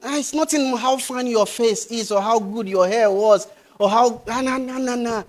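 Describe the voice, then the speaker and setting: A middle-aged man giving a passionate motivational speech to young people, swinging between loud urging and quiet pleading. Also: very high voice, normal speed. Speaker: motivational speaker.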